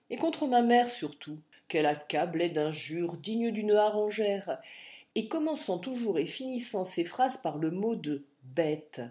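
A woman narrates an audiobook of a classic novel. Her voice is low and mellow. She reads with expressive, dramatic storytelling. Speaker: audiobook reader.

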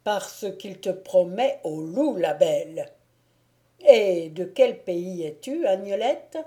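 A woman voicing a gruff male noble wolf-hunter, loud, teasing and commanding, in a storybook reading. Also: fairly low pitch, lively intonation, slow pace. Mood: teasing, bluff.

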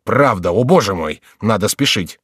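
A man reading aloud, voicing a brave young nobleman giving hurried, excited orders. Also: on the low side, husky, no echo, clean studio sound. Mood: urgent. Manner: urgent, exclamatory.

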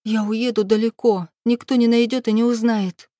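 A woman's voice: a little high, fairly even intonation, moderate pace, dark tone, dry recording, clean studio sound, voice pushed up, lightly acted. Woman reading as a frightened young pregnant girl. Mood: pleading, tearful. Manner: tearful, pleading, defiant. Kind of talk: audiobook dialogue reading.

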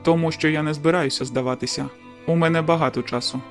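A woman's voice: sits low, steady tone, quick pace, faint music behind, pitched below the performer's own voice. A woman voicing a playful, persistent teenage boy who coaxes and teases, in an audiobook. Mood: teasing. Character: teasing, persistent teenage boy, warm and cheerful.

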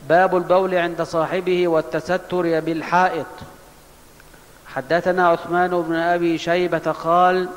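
قارئ عالي الصوت يقرأ الحديث بالفصحى. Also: male voice, sits high. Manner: measured, formal reading of chains of narrators. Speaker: student reading hadith aloud. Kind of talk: formal classical recitation. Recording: long hall reverb.

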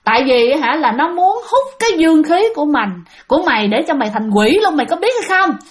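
A woman's voice: high-pitched, very animated, fast talker, voice pushed up. A woman voicing a stern middle-aged mother scolding her son. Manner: sharp, scolding.

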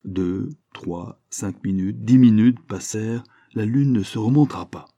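A man reading a literary short story aloud in a measured, expressive storytelling manner. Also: on the low side, no room sound. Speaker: reader.

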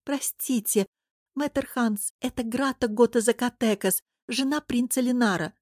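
A woman's voice: a little high, a little slow, a little mellow, dry recording, clean studio sound, pitched above the performer's own voice. A woman reading an audiobook who voices a frivolous young princess, breezy, eager and a little impatient. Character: gushing, frivolous young court lady princess. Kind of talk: audiobook character voice.

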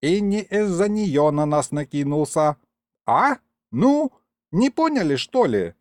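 A man's voice: a little high, sing-song, slow pace, darkish tone, no room sound, clean studio sound, voice pushed up. A man voicing a cranky old grandfather house spirit with grumbling, folksy speech in an audiobook.

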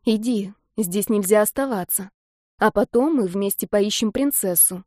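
Woman reading a hurt young woman begging for help, urgent, warm-ish low tone, dry sound. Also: normal speed, dry recording, lightly acted. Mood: pleading. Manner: urgent, pleading and insistent. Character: young woman, wounded and frightened but determined. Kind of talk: audiobook character voice.

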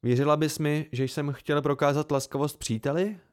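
A man voicing a guarded, sheepish young male student, speaking low and subdued. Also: steady tone, smooth, close to an everyday voice.

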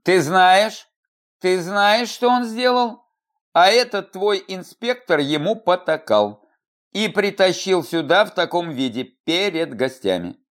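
A man voicing an indignant young woman who complains loudly, in an audiobook reading. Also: a little high, sing-song, normal speed, hardly any pauses. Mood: outraged.

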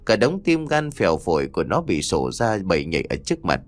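A man's voice: deep voice, huge pitch swings, fairly quick, no room sound. A man narrating a ghost story with dramatic storytelling.

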